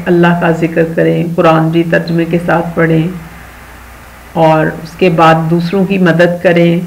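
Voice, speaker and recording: A teacher from Pakistan with a Pakistani accent, giving a recorded video lesson to young children and repeating key words. The teacher reads English sentences slowly and deliberately and adds gentle moral advice for the children. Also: mid-range voice, gravelly, poor audio. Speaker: primary school English teacher.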